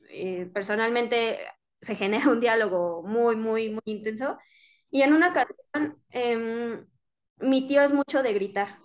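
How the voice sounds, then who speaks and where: A woman giving advice in a casual podcast chat, talking with many fillers and self-corrections. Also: fairly high pitch.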